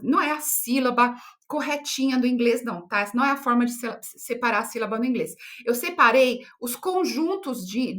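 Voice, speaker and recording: A young adult woman from Brazil teaching an English lesson, patient and clear, repeating words slowly for practice and checking in often with short questions. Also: high voice, fairly bright tone.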